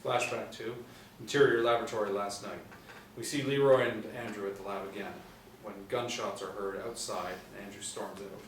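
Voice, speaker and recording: The echoey recording, made with a distant mic and faint background noise, captures a middle-aged narrator reading stage directions aloud at a table read. He is seated in a small indoor room and speaks at a moderate pace in a lowish, steady voice.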